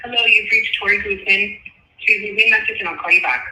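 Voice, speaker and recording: A woman's voice: medium pitch, pushed and bright. A woman's recorded voicemail greeting, played over a phone call and sounding distant. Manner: quick, rehearsed voicemail greeting. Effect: voicemail greeting heard over a phone call. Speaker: person called by a realtor. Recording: distant, echoey phone playback.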